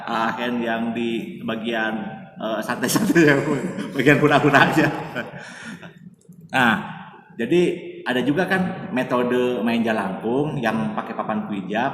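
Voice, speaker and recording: A man's voice: mid-range voice, fairly bright tone. A man telling a story as a guest in a casual interview, chatty, speaking of himself by his own name, with many fillers. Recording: echoey distant room with faint noise.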